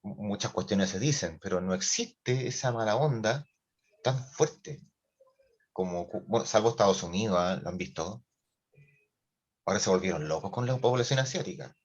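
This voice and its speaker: A Chilean man leads a class discussion over a video call in a lively, joking, colloquial way. His voice sits on the low side. The call audio is muffled and lo-fi. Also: normal speed. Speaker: teacher.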